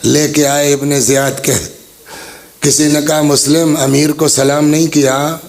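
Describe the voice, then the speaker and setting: A man's voice: fairly high pitch, flat delivery, a little mellow. A man giving a Muharram majlis sermon as a religious orator, telling the story dramatically and voicing its people while speaking directly to the gathering.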